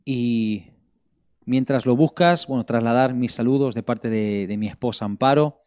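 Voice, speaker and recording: A middle-aged pastor from Barcelona, with a Spanish accent from Spain, preaches an online sermon that includes prayer and scripture reading. His mid-range voice is a little mellow, and he speaks to his online congregation earnestly and with measured pauses for emphasis.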